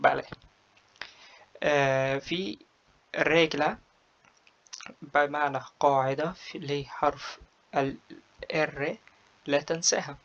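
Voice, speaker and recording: Male teacher with an Egyptian accent, explaining Spanish pronunciation. Patient, stretches out example words, pauses often. Slightly muffled recording. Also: fairly high pitch, steady tone, a bit bright. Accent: Egyptian Arabic. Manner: slow, careful drawn-out syllables when demonstrating Spanish words; frequent hesitant "aah" fillers. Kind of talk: spoken pronunciation lesson.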